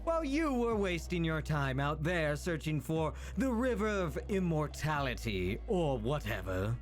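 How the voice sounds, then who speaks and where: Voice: mid-range voice, very animated, unhurried, faint music behind. A reader voicing a haughty, self-exalting young nobleman in a video game, with a pompous, grandiose manner. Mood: boastful, haughty.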